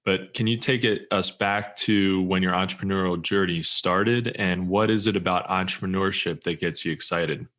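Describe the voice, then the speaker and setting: Deep-voiced male podcast host. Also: fairly even intonation, normal speed, hardly any pauses, fairly bright tone. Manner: rambling, hesitant questions with backchannels. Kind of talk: podcast interview.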